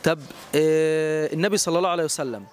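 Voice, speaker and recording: An Egyptian man hosting a street quiz outdoors, encouraging and quick to praise each answer. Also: a little high, slight background noise. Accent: Egyptian Arabic. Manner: encouraging, repeats praise often.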